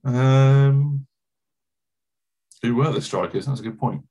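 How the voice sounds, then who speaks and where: Husky-voiced man hosting a chat podcast. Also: medium pitch, slow pace, dark tone. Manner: chatty, self-deprecating, laughs often. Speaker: podcast host.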